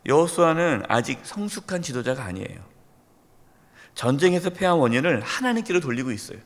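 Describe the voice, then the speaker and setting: A middle-aged man preaching a dawn prayer sermon as pastor, explaining scripture with rhetorical questions and swinging between loud acted-out complaints and hushed warnings. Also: on the high side, big pitch swings, a little fast. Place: church sanctuary. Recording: church hall reverb.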